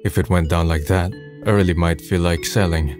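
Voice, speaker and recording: A man plays a gloomy, self-deprecating twenty-year-old, a young adult, who narrates his own story in scripted first-person narration with a subdued, resigned manner. His voice is low, steady, and darkish, delivered briskly and lightly acted, with music in the background.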